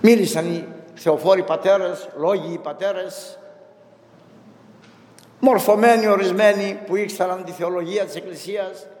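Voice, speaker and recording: Male preacher, high voice, tells saints' stories with slow acted quotes; hall echo. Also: darkish tone. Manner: retells saints' stories, acting out their lines in a slowed voice. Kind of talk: sermon storytelling. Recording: echoey hall.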